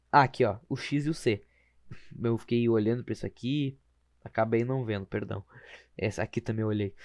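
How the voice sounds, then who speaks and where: A man walks through grammar rules in a casual, self-correcting way, drawing words out slowly to spell them. His voice sits at an ordinary middle pitch. The recording is dry and close, with no room sound. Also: no echo. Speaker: teacher. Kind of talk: explaining grammar slides.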